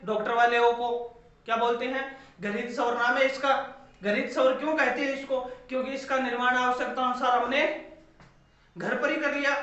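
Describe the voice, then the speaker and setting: A man's voice: very high-pitched, pushed and bright. A man teaching a grammar class, repeating key points and quizzing his students. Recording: echoey dull-sounding room.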